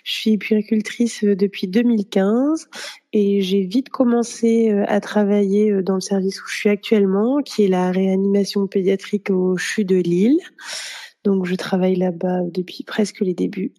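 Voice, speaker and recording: A woman, a nurse and lactation consultant answering interview questions casually, pausing often with fillers. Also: mid-range voice, flat delivery, warm tone. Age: 30s. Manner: hesitant, many fillers.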